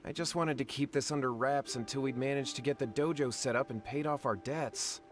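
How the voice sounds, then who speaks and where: A man's voice: mid-range voice, a little fast, over music, natural voice. A man playing a nervous, cowardly young townsman in a video game, flustered and pleading as he talks. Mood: nervous confession.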